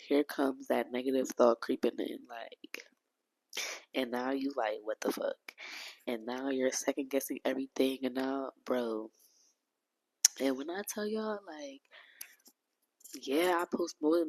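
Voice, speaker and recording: A woman's voice: a bass voice, darkish tone, rough recording. A woman hosting her own podcast, talking candidly in a heartfelt, rambling way with casual slang and frequent restarts. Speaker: podcast host.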